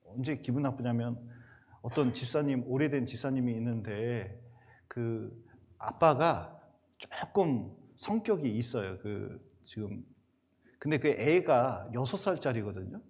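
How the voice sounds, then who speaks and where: A man's voice: mid-range voice, a little slow. A male pastor preaching to parents, telling stories with acted-out quotes. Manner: animated storytelling with acted-out quotes. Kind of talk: sermon to parents.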